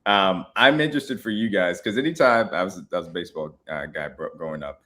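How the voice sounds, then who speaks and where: Low-voiced man asking easygoing questions. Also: fairly quick, fairly bright tone. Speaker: podcast co-host. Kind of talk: casual sports chat.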